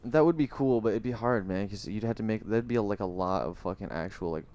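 Low-voiced laid-back young man. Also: fast, darkish tone. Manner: laid-back, crude, swears a lot. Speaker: podcast co-host. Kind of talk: casual chat.

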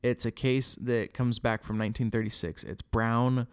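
A man co-hosting a podcast, giving examples in casual chat with dry, teasing humor and fillers as he thinks out loud. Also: mid-range voice, fairly even intonation, moderate pace, smooth. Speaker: podcast co-host.

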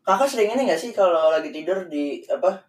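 Fast-talking young woman, roomy. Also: lowish voice, animated, recorded from a distance. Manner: quick, chatty, laughing often. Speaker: vlogger. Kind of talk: casual chat. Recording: roomy, from off the mic.

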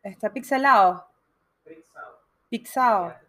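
A woman's voice: fairly high pitch, takes it slowly. Woman host on a glitchy, distant call line. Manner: lively, calling out to check she is heard. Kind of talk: live-streamed interview chat. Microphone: video call.

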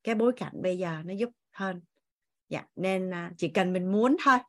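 A woman's voice: fairly low pitch, moderate pace. A woman teacher leading an online class, speaking to the group as family, on a video call.

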